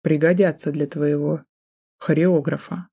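A woman's voice: deep voice, fairly even intonation, unhurried, gravelly, dark tone, breathy edge, exaggerated voice. A woman doing a sneering, menacing drunk man. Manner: sneering, threatening, mocking.

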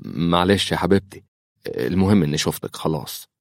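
A man's voice: low voice, sing-song, a little fast, gravelly, no room sound, clean studio sound, full character voice. A man with an Egyptian accent playing a troubled, secretive middle-aged priest who speaks hesitantly. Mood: uneasy.

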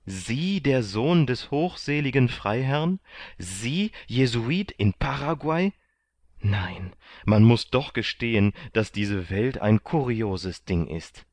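A man's voice: fairly low pitch, takes it slowly, few pauses, a little mellow, dry recording. A man reading an audiobook voices a naive young man who exclaims in breathless, tumbling questions. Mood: overjoyed. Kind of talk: audiobook reading of a classic novel.

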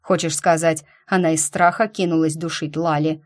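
A woman voicing a gruff, protective young dragon man who speaks curtly and sternly. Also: low-pitched, flat delivery, normal speed, lightly acted. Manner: curt, grumbling, stern.

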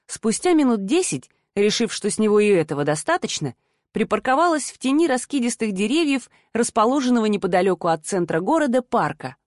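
A woman reading a first-person novel aloud, steady and even, as an audiobook narrator. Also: fairly high pitch, fairly quick, dry recording, studio quality.

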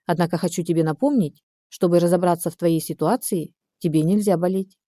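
A woman reading the part of a calm, helpful German man in an audiobook, steady and reassuring. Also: fairly low pitch, fairly quick, no echo, clean studio sound, lightly acted.

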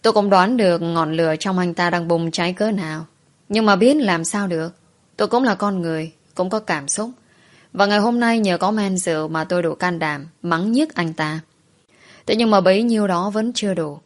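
A woman reading a first-person story aloud in a soft, emotive way. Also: lowish voice, normal speed.

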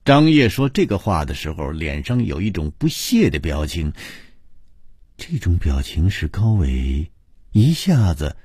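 A man's voice: sits low, big pitch swings, unhurried, darkish tone, husky, no echo, studio quality. A man narrating a ghost story with suspense, his voice rising and falling expressively. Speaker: audiobook narrator.

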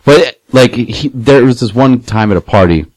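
A young man casually telling rough stories, swearing a lot and acting out what people said. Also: mid-range voice, normal speed, no echo. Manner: animated, swears a lot, acts out quotes. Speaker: podcast guest telling stories. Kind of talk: casual profane storytelling.

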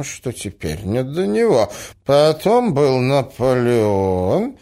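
Guy playing a confused old prince, slow and wandery, all over the place pitch-wise. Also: mellow, full character voice. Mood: musing. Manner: rambling, vague, flustered. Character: old, forgetful, muddled prince.

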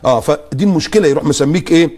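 Man, Egyptian accent, guest preacher, very fast talk, slightly high voice. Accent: Egyptian Arabic. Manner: lively, mock-quotes opponents. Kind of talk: animated religious talk-show commentary.

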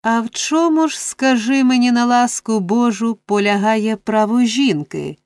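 Woman playing a scornful, shrill workhouse matron. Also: moderate pace, darkish tone, no echo, studio quality, natural voice. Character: sharp-tongued scornful middle-aged workhouse matron. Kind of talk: audiobook character reading.

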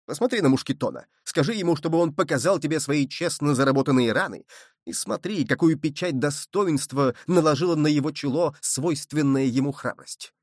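A man voicing a shrewd, quick-witted musketeer who speaks in a brisk, commanding way. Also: fairly high pitch, no room sound, studio quality, natural voice. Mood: scolding.

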